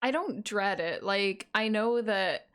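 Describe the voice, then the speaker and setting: Late-twenties woman co-host, mid-pitched, theatrical grumbling, swears casually, jokes at her own expense. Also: expressive, slow, a bit bright, smooth. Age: 20s. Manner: dramatic, swears freely, self-mocking. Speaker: podcast co-host. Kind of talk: casual chat.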